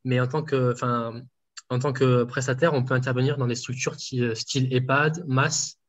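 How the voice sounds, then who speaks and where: Man, dietitian interviewee, halting delivery, dull lo-fi call sound. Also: mid-range voice, fairly even intonation. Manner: hesitant, many fillers and restarts. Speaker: home enteral nutrition dietitian. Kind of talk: casual interview answers.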